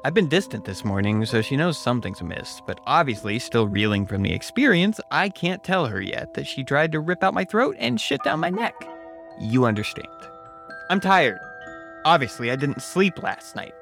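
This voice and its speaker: Male narrator for a first-person horror tale, dramatic delivery, mid-range pitch, prominent music underneath. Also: a bit bright.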